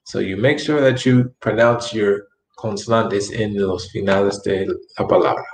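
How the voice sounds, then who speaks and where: A man teaching English in a language lesson, speaking slowly and repeating words with careful enunciation. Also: fairly low pitch, fairly even intonation, slight background noise. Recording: echoey room.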